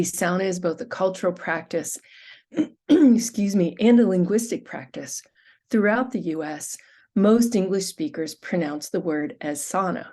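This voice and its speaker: A woman presenting a prerecorded academic conference talk, reading from a script at a measured pace. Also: on the low side, dark tone.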